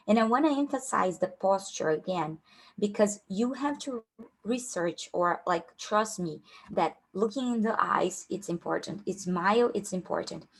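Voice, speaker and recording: The audio is poor as a young Brazilian career coach, whose first language is Portuguese, gives a casual workshop talk. Her voice is on the low side, her accent Brazilian Portuguese, and she speaks informally with lots of fillers and restarts.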